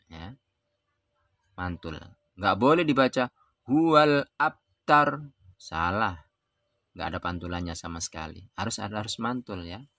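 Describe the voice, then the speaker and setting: Male Quran teacher, Indonesian accent, unhurried delivery, dry close sound; alternates chanted examples with plain corrections. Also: on the low side, no room sound. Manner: models recitation in a raised drawn-out chant, then flatly marks mistakes. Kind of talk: tajwid lesson.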